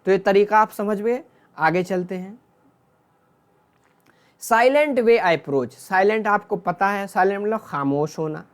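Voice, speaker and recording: Guy teaching an exam-prep class, goes step by step, keeps checking in, swaps terms between urdu hindi and english. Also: high voice.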